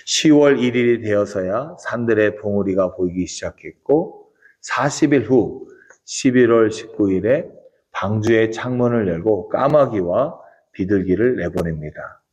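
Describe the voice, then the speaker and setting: A man pastor delivering a dawn prayer service sermon with a measured, earnest preaching cadence. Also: lowish voice, lively intonation, a little mellow, breathy edge, lo-fi sound. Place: church sanctuary.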